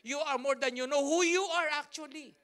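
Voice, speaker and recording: A woman's voice: high-pitched, moderate pace, a bit bright. A woman pastor, telling a story in a sermon with emphatic, repetitive, rhythmic phrasing. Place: church service.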